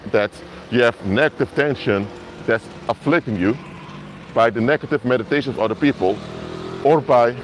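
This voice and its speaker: A minister whose first languages are Papiamento and Dutch preaches earnestly to live-stream viewers on a mobile phone, outdoors in a city. His medium-pitched voice carries slight background noise, and he is repetitive and addresses viewers directly.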